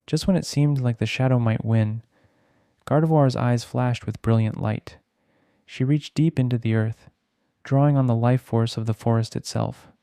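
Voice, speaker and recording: Male bedtime-story narrator: mellow, clean and resonant, measured delivery with dramatic pauses. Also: mid-range voice, creaky, clear, resonant tone, no room sound, studio quality.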